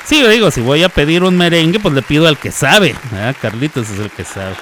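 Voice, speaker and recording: A man's voice: a little high, expressive, fairly quick, fairly bright tone, some chatter behind, a little hiss or hum. Chatty Mexican radio host man. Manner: chatty, digressive, playful, self-correcting. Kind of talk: casual rambling radio chat. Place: radio studio.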